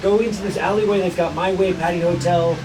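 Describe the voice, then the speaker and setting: A man in his thirties with a high voice chats loosely from behind the bar, circling his point with lots of "like" and "uh" and false starts. He sounds a little distant from the mic, and steady bar noise sits under him. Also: fast talker. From California. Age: 30s. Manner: rambling, lots of fillers and restarts. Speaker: bartender. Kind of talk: casual bar chat. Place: bar with air conditioning.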